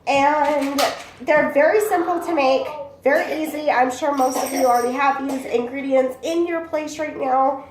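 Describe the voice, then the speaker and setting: A young woman with a high-pitched voice, congested from bronchitis, hosts a cooking channel, chatting and rambling as she demonstrates a recipe in her small home kitchen. Her intonation is fairly even at normal speed, picked up by a camera mic a few feet away in an echoey room with background noise.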